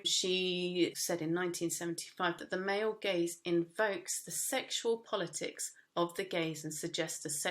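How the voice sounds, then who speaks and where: A woman's voice: lowish voice, fairly bright tone. A woman teaching a media studies lesson, explaining casually with frequent fillers and restarts. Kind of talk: recorded lesson.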